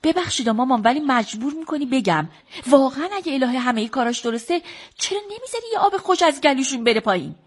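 A woman's voice: high-pitched, lively intonation. An actress playing a young woman athlete who pleads with her uncle and argues with her mother in a radio drama. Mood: defiant. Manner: pleading and defensive.

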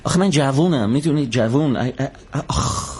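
A man's voice: mid-range voice, lively intonation, darkish tone, slight background noise, close to an everyday voice. A man playing a stammering, cowardly young man. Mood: frightened pleading. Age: young adult. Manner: stammering, pleading, nervous. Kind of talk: classic Persian dubbing.

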